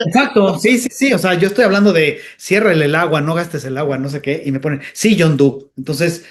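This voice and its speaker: A man's voice: fairly high pitch, brisk. A man, a comedian and voice actor, chatting as a guest in an interview and slipping into character voices as he tells stories. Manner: animated storyteller who slips into character voices. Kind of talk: casual interview chat.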